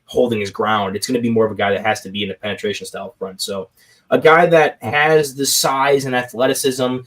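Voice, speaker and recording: A man's voice: mid-range voice, fairly even intonation, fairly quick, a bit bright. A man co-hosting a draft podcast, explaining a prospect in long run-on sentences with fillers. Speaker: podcast co-host. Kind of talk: podcast scouting talk.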